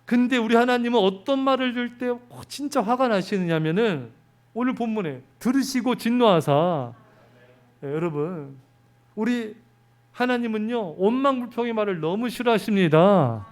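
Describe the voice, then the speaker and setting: A man's voice: high voice, expressive, normal speed. A man preaching a sermon as pastor, talking with his congregation and putting questions to them. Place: church sanctuary.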